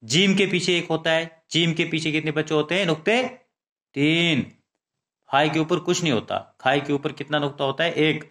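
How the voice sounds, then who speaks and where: A man teaching young children the alphabet, reciting letters slowly and often checking that they understand. He speaks Urdu with a Pakistani accent. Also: on the high side, steady tone, a bit bright. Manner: slow, drawn-out recitation with frequent check questions.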